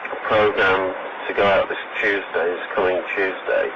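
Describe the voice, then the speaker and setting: Hesitant low-voiced man on muffled hidden-mic recording. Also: flat delivery, moderate pace. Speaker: interviewer, programme maker. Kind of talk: informal questioning in a covertly recorded conversation. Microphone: hidden microphone. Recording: muffled hidden-mic tape with loud noise.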